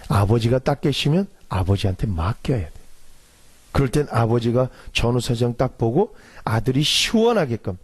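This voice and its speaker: A man who is a pastor, delivering an animated sermon and acting out quarrels in a raised voice. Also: mid-range voice, normal speed, husky. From Korea.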